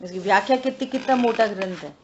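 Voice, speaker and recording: A woman leading a religious scripture study in a lively conversational way, asking rhetorical questions and teasing her listeners. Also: medium pitch, quick pace, a little hiss or hum. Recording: dull lo-fi recording.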